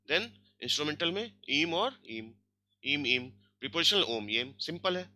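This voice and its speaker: A man's voice: fairly high pitch, sing-song, unhurried, bright, forceful tone, no room sound. A man teaching a grammar lesson online, explaining step by step and checking in often with his students. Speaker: language teacher.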